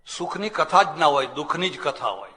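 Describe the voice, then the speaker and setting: Older swami, storyteller preacher, forceful bright tone, reverberant hall. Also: male voice, on the high side, very animated, normal speed. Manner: folksy storytelling, acts out quoted people, chuckles. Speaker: swami giving a religious discourse. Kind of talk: spiritual discourse with anecdotes.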